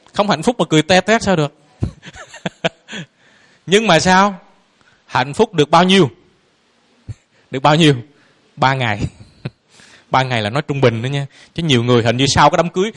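A man with a fairly high pitch gives a Buddhist dharma talk to lay listeners as their teacher, tossing out rhetorical questions and chuckling playfully.

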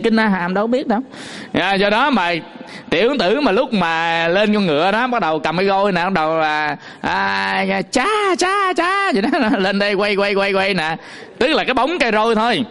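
A man with a Southern Vietnamese accent, a Buddhist monk giving a sermon and telling parables in a lively, storytelling way. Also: high-pitched. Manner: lively storytelling, acting out examples with laughs.

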